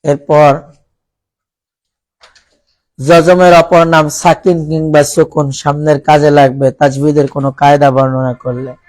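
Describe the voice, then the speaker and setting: Slow, precise man teaching a class. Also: a little high, little pitch movement, darkish tone, no room sound, low-quality recording. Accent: Bangladeshi. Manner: slow, drawn-out recitation of Arabic words as examples; asks the class questions and has them repeat. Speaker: Quran recitation teacher. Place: college classroom.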